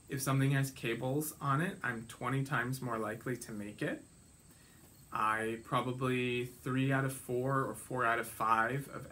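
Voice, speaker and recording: Bright-voiced man with a rambling podcast chat. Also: medium pitch, slight background noise. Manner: gentle, rambling, many ums and restarts. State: slight frog in throat. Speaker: podcast host. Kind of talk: casual solo podcast chat about knitting and sewing.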